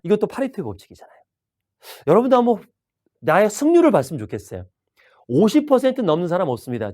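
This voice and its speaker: A man gives a sales training lecture at a brisk pace. His voice rises and falls a lot as he puts questions to the audience. The delivery is energetic and conversational. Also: a little high. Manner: animated, asks the audience questions. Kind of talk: video lecture.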